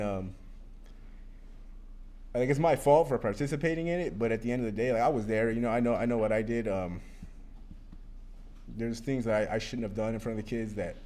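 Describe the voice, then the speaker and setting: Telling his recovery testimony at a support meeting, this Arizona man in his thirties is open and rambling, with lots of filler words and curses. His mid-range voice sounds a little mellow.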